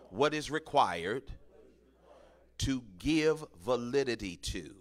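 A man preaching a sermon as pastor, leading the congregation in call-and-response and building to shouted peaks. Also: mid-range voice.

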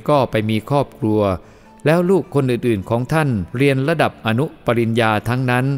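Man reading a tale over soft music. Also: medium pitch. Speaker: storyteller. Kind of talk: reading a first-person karma tale aloud.

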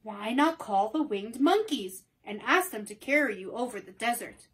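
A woman voicing a kindly, thoughtful scarecrow ruler in a storybook reading, speaking slowly and deliberately. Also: a little high, lively intonation, fairly bright tone, husky, exaggerated voice.

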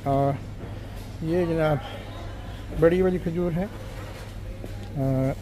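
A man with a slightly high voice walks the aisles of a supermarket, chatting casually into a handheld phone. He rattles off prices in a friendly, polite way. Store noise is clearly audible behind him. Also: fairly even intonation, very slow. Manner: chatty, lists prices, says "ji" and "janab". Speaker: vlogger. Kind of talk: casual shopping vlog walkthrough. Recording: noisy shop background.

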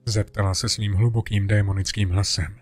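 A man reading a first-person horror story in a steady, dramatic way over a music bed. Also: lowish voice. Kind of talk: scripted horror narration.

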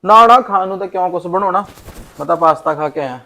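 A man with a Punjabi accent acting a husband in a short film, calming his wife down. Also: high voice, fast talker. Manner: placating, easygoing.

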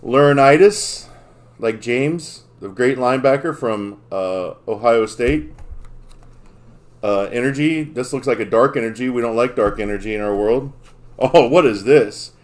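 A man chats casually while opening card packs on a live stream. His voice sits at an ordinary middle pitch. He sounds playfully confused and keeps stumbling over names. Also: measured pace. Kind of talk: casual chat.

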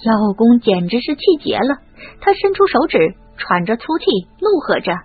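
Narrator: woman with a husky, fairly high voice, expressive storytelling, tinny lo-fi sound. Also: normal speed. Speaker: audiobook narrator. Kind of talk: scripted novel narration. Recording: lo-fi phone-like audio. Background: faint music.

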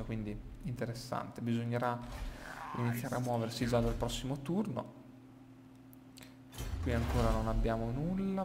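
A man giving casual gameplay commentary, thinking aloud, recorded in a small, bare, echoey room. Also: mid-range voice. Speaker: gaming YouTuber. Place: small room emptied of furniture, indoors. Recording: echoey small empty room, clear background noise.

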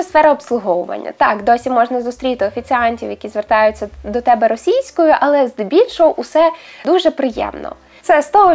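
High-voiced Western Ukrainian woman vlogger. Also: a little mellow. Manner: chatty, self-ironic, explanatory. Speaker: linguist vlogger. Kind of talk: casual vlog Q&A.

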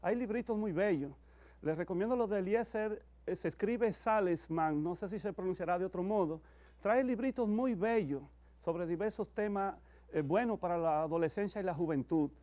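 A middle-aged man, a priest addressing a congregation at Mass with earnest exhortations and blessings, pausing between phrases. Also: high voice, a little mellow. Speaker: priest celebrating televised Mass. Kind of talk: homiletic announcements and liturgical blessing. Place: indoor chapel, at the altar.

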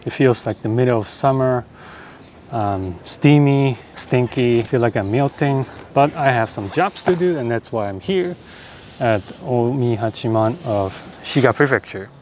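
A young man filming a casual travel vlog outdoors with a phone camera at arm's length, talking in a relaxed way with filler ums. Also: mid-range voice, a little slow, a little hiss or hum. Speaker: vlogger. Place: outdoors on town streets and at stations.

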